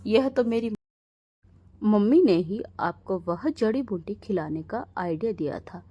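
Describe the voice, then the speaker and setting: A woman's voice: mid-range voice, expressive, a little slow, dark tone, breathy edge. A woman voicing a frightened young wife who pleads through tears in a storybook tale. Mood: pleading. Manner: fearful, pleading.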